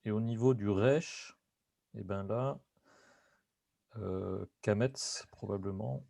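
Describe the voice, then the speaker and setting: Slow, hesitant male student. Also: on the low side, vocal fry, mellow, no room sound, studio quality. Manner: hesitant, tentative answers. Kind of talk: answering in class.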